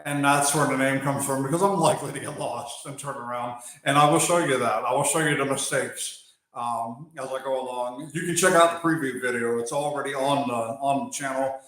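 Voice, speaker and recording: In a very echoey recording, a wildlife channel host originally from Germany, though American-accented, fixes a bike outdoors or in an open area while live streaming. His slightly bright voice sits at a middle pitch. He answers viewers' chat at an easy pace, stopping between thoughts and padding pauses with "uh."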